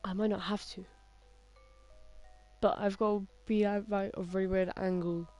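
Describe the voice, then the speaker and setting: A woman casually reads a creepy story aloud on a game stream, stumbling and restarting often. Her pitch sits in a middle range for a woman, with faint game music behind. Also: flat delivery, a little mellow, no room sound. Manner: halting, with many restarts and self-corrections.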